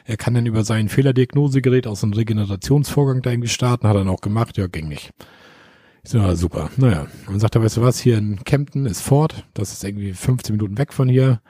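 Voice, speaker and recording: Podcast co-host, man, rambling storyteller, dark voice, fast. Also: medium pitch, no echo, studio quality. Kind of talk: casual storytelling chat.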